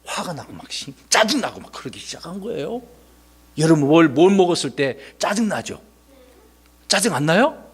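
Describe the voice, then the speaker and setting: A male pastor giving a children's Sunday school sermon, animated, asking the children questions and calling on them by name. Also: a little high, moderate pace, husky.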